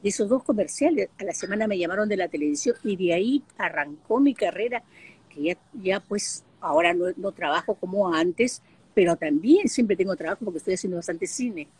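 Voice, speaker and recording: An older Peruvian woman speaks as an interview guest, recounting her life in lively stories sprinkled with fillers. Her voice is husky at a medium pitch and comes over a video call. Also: a little fast, no room sound. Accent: Peruvian Spanish. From Peru. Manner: lively storyteller, frequent fillers. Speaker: guest, actress and broadcaster. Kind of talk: casual interview talk.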